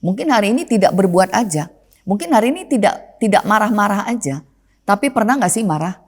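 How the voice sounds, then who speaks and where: A middle-aged woman pastor preaching to her congregation in a conversational sermon style, using rhetorical questions and repeated phrases, often trailing off softly at the end of an address. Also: expressive, brisk. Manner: drops pitch and volume on the trailing address word.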